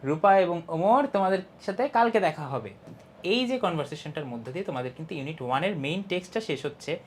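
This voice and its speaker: A young man teaching an English lesson, explaining step by step, reading English lines slowly and stressing key syllables. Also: fairly high pitch, lively intonation, a little hiss or hum. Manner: explains step by step, often asks "ঠিক আছে?". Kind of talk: online class lesson.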